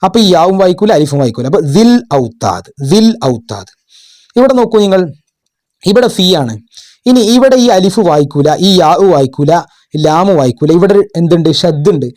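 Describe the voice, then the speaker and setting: A man tutoring children and parents, going through exam questions in a patient way, asking questions and repeating words slowly. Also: high voice, lively intonation, darkish tone. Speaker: madrasa tutor. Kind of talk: explaining exam answers.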